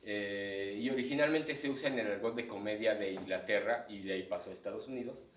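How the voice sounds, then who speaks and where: Speaking briskly with a lowish voice, a Mexican-accented clown walks a live audience through stage timing while promoting his book, voicing what they're thinking in little asides. The event room is echoey and the mic sits far away.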